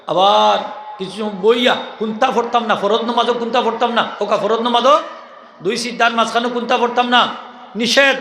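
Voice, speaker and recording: Sylheti preacher with a high, bright voice. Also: male voice, moderate pace, a little hiss or hum. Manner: animated, questions the crowd and drills call-and-response. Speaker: Islamic preacher. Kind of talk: sermon to a live gathering. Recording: echoey hall with faint ambience.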